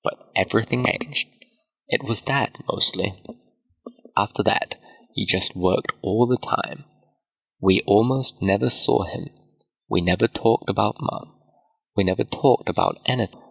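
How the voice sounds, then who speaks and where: A man's voice: lowish voice, a little slow, gravelly, long pauses, fairly bright tone, husky, full character voice, rough recording. A man voicing an upset, tearful teenage girl, in a plain read-aloud manner. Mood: sad, telling. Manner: pleading, upset.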